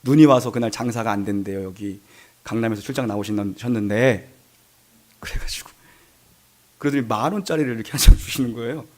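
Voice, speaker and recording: A middle-aged male pastor giving a Sunday sermon, telling stories conversationally and swinging from loud emphasis to hushed asides. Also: medium pitch, brisk, pauses often. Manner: conversational storytelling, voices quoted people.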